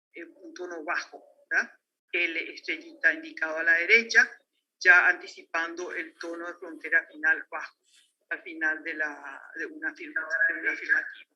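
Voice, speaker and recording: Male lecturer, Paraguayan accent, higher voice, hesitant academic delivery, dull livestream sound. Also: sharp tone. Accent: Paraguayan Spanish. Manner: hesitant, many fillers and restarts. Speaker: conference lecturer on linguistics.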